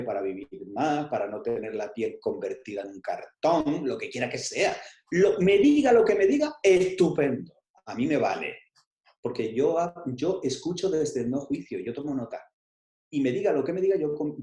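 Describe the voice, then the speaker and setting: A man teaches a coaching workshop in a warm, mellow voice. He talks emphatically, repeats his key lines and throws in rhetorical questions. The sound is echoey, as if from a bare room. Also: medium pitch. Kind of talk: online workshop talk.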